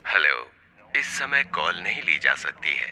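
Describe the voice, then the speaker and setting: A man voicing a recorded answering machine greeting in a flat, formal announcement tone. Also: low-pitched, measured pace, full character voice. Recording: noisy, distant phone recording.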